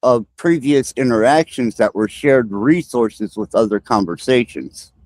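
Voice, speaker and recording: A man speaking slowly and insistently in a podcast discussion, pausing with fillers. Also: mid-range voice, darkish tone, dry recording. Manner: slow, halting and insistent. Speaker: guest describing his AI companion.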